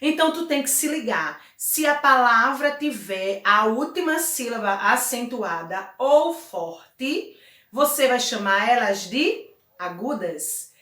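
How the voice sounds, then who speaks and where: A Brazilian woman teaching a Spanish class to children, friendly and chatty, checking in with "tá?" and "né?" and slowing down to spell out example words. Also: a little high, bright, forceful tone, reverberant. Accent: Brazilian Portuguese. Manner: friendly, chatty explaining with frequent "tá?" and "né?". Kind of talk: recorded remote class lesson.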